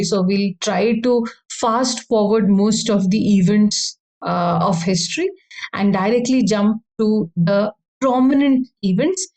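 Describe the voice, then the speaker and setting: A woman with an Indian English accent teaches a law lesson in a mellow, warm-toned voice. She explains step by step, circling back to restate each point. Her pitch sits in an ordinary middle range. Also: poor audio. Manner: explanatory, repeats and rephrases points. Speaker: law lecturer. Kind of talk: educational lecture.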